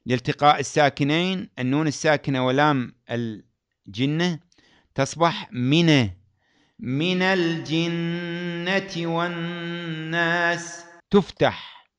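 A man teaching a grammar lesson. He asks the class questions, answers them himself, and draws out example words slowly. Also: on the high side, fairly bright tone, clear, resonant tone.

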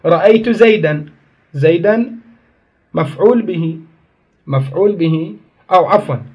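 A man with a high-pitched, slightly rough voice speaks a little slowly over dull audio. He teaches grammar step by step, asks questions and answers them himself, and pauses to correct his own slips mid-sentence.

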